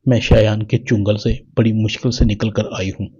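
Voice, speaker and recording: Defiant young woman in a story recap, read by a guy, low husky plain read. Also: flat delivery, warm tone, dull audio.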